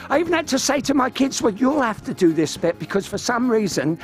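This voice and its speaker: A man's voice: very high voice, very animated, fairly quick. A man in his fifties with a London accent, chatting casually and telling anecdotes as a radio guest in a studio. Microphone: studio microphone, headphones on.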